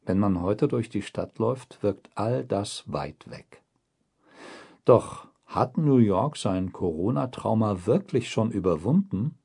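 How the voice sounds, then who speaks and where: Slow, husky German documentary narrator. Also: male voice, lowish voice, animated, warm tone. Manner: measured, deliberate reporting tone. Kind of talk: scripted documentary voice-over.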